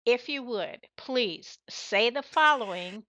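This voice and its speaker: A woman with a bright, fairly high voice hosts a casual interview. She teases her guests playfully, and her voice sounds dry and close. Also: lively intonation, slow, dry recording. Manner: playful, teasing. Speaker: interview host.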